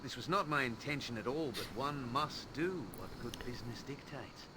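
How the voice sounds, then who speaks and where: An actor playing a calm, quietly menacing, treacherous pirate captain in a video game, polite as he turns on his passengers. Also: mid-range voice, normal speed, background noise, lightly acted. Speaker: ship captain turned betrayer.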